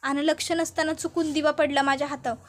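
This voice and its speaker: A woman's voice: high voice, flat delivery, fast talker. A woman narrating a TV serial episode in a chatty, descriptive way, ending with a channel sign-off. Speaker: storyteller.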